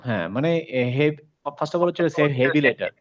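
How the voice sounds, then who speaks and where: A man teaching a recitation class over a video call. He talks patiently, repeats sounds slowly and puts questions to his students. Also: fairly high pitch, lively intonation, dull audio. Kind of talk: online class lesson.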